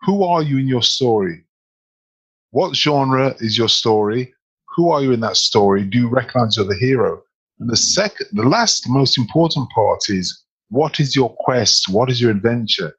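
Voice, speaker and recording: A man co-hosting a podcast as a speaking coach, talking in an animated, emphatic way with lots of rhetorical questions. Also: mid-range voice, moderate pace, breathy edge, dull audio. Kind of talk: casual podcast chat.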